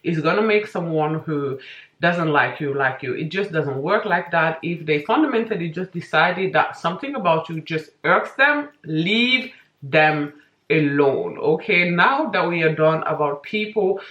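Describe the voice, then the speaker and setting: A woman's voice: lowish voice, normal speed, a bit bright. Echoey, emphatic woman chatting while doing makeup. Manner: emphatic, big-sisterly advice-giving with repeated "okay?"; talking while applying makeup. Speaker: vlogger giving life advice. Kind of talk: casual chatty get-ready-with-me monologue. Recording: roomy indoor echo.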